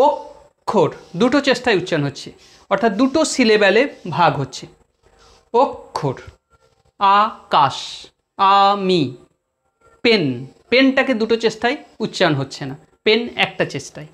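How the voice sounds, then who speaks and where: A Bengali grammar teacher with a West Bengal accent, giving an exam-prep lesson in a deliberate way, repeating key terms and speaking straight to the students. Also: medium pitch.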